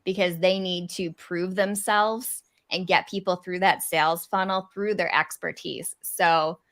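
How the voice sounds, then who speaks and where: Bright lower-pitched woman explaining marketing. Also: fairly even intonation, unhurried. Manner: friendly and explanatory, light laughs between points. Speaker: marketing consultant guest. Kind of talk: interview answers.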